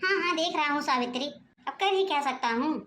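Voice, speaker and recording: A woman's voice: high voice, brisk, a bit bright, roomy sound, a little hiss or hum. A woman with an Awadhi-region accent voicing a weary, resigned older father-in-law in a home-made cartoon. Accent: Awadhi-region Hindi. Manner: resigned, mild.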